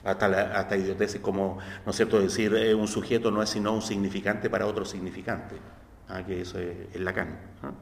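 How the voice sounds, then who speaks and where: A man's voice: steady tone, brisk. A man with a Chilean accent giving a university philosophy lecture in a conversational way, checking understanding with tag questions and acting out quoted voices. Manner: acts out quoted voices with sharp pitch jumps. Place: lecture hall. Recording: echoey hall, faint background noise.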